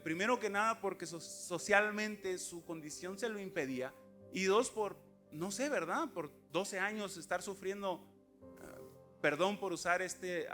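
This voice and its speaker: A lay preacher, giving an emphatic, conversational sermon to a congregation in a church, full of rhetorical questions and asides. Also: male voice, sits high, sharp tone. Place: church sanctuary.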